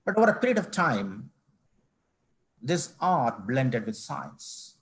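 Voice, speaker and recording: A middle-aged man from Kerala, a company managing director speaking as a guest in an online panel interview, measured and formal with frequent restarts. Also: mid-range voice, sing-song, fairly bright tone. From India, Kerala. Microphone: video call.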